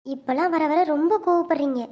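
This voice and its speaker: A woman voicing a gentle young pregnant wife in a cartoon, speaking softly and plaintively. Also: high-pitched, steady tone, quick pace, highs cut off, a little hiss or hum, close to an everyday voice. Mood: hurt. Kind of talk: cartoon web series voice acting.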